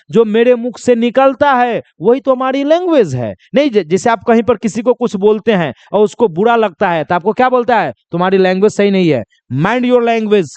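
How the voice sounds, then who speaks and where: High-voiced man teaching a basic lesson. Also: clean tone, dry recording, dull audio. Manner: repeats questions and answers them himself. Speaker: English teacher. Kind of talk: classroom lesson to children.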